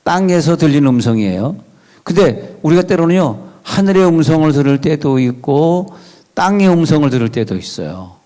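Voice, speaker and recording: A man's voice: fairly high pitch, very animated, normal speed, warm tone. A male pastor giving a sermon in a church, conversational, with wry asides and questions to the congregation. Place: church sanctuary.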